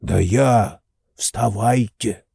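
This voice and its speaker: A man putting on a stubborn old servant, grumbling and coaxing in a slow, drawn-out way. The voice is mellow and close, with no room sound. He nags on with dogged persistence. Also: lowish voice, vocal fry, slightly rough, no room sound, exaggerated voice. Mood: insistent. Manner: slow, coaxing, muttering complaints. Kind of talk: audiobook character voice.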